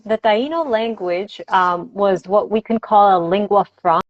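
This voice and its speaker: On a video livestream, a woman whose first language is Spanish talks as an interview guest, a language teacher and advocate explaining her ideas with reflective enthusiasm. Her pitch is medium and her pace normal. The sound is dry, dull and lo-fi, captured in a small, close room.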